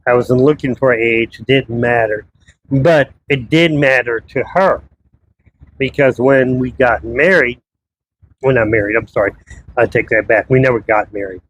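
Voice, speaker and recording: A man's voice: medium pitch, fairly even intonation, unhurried, fairly bright tone, slight background noise, low-quality recording. A man in his fifties telling personal stories in a rambling, casual vlog monologue from his townhouse. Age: 50s. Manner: rambling, conversational storytelling. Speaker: vlogger.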